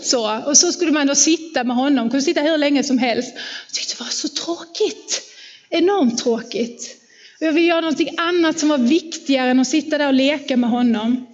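A woman with a high voice delivers a sermon in a church, sharing personal stories in an easy conversational tone. The sound is a little muffled and rings with a long hall echo. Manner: warm personal storytelling, conversational. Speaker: preacher.

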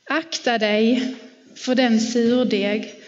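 A woman with a high voice delivers a sermon in a church, sharing personal stories in an easy conversational tone. The sound is a little muffled and rings with a long hall echo. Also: fairly even intonation. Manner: warm personal storytelling, conversational. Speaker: preacher.

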